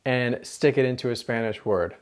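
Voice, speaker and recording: Male language tutor, American accent, mid-pitched, casual instructional delivery with rolled R drills. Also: normal speed. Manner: demonstrates rolled and tapped R sounds, repeating example syllables and words. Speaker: language teacher.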